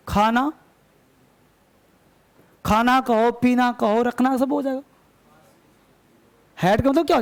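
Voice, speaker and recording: Male teacher, live lesson; high-pitched, unhurried, drills examples again and again. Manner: slow, repeats and drills example sentences, quizzes students. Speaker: English teacher.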